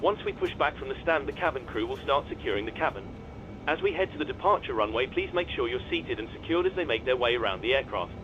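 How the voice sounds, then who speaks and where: A calm airline captain addresses the passengers over the cabin intercom in a flight game. He talks quickly and smoothly, reassuring them in a practised announcement tone. The audio is muffled and lo-fi, with a faint hum underneath. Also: medium pitch.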